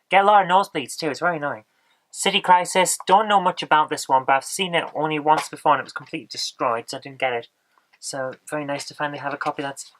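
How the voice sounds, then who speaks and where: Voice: medium pitch, fairly bright tone, a little hiss or hum. An exhausted vlogger, chatting casually and rambling as they search for words. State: exhausted, low on energy. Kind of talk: casual vlog chat.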